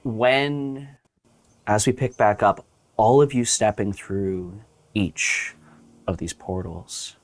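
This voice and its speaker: A man narrating as game master of a tabletop horror game, with slow, measured descriptions. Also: lowish voice.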